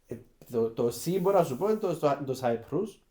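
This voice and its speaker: A man's voice: fairly high pitch, expressive, dark tone. A man asking questions in a casual interview. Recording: roomy, echoing sound.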